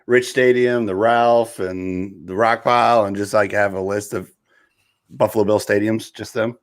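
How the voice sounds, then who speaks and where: A man co-hosting a casual sports talk show, excitable, swinging from loud outbursts to mumbled asides. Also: lowish voice, unhurried. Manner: excitable, jumps between shouting and mumbling. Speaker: podcast co-host.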